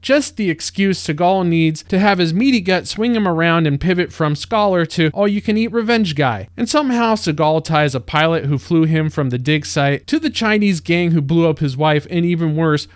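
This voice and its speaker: Sardonic man with a smooth voice. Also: fairly high pitch, lively intonation, moderate pace, hardly any pauses, no echo, clean studio sound. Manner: sardonic, mocking. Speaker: narrator of a film roast. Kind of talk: scripted comedic narration.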